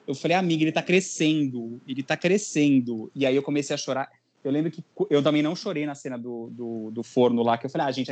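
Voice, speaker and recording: A young man from Brazil, a podcast host telling a story in casual chat, animated and acting out quotes. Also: fairly high pitch.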